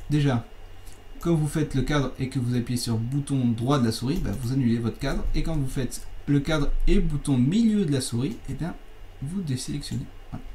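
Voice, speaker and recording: A man with a mellow, warm voice walks through a software lesson in a screen recording. He talks casually, often restarting and correcting himself. A faint hiss sits under the recording. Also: mid-range voice, poor audio. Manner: informal, chatty, with fillers and self-corrections. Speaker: software tutorial teacher. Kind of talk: screencast tutorial.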